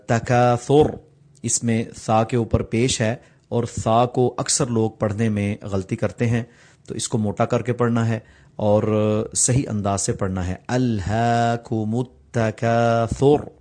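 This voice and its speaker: A man teaching tajweed, explaining the rules plainly and reciting the examples slowly. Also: medium pitch, flat delivery, a little mellow.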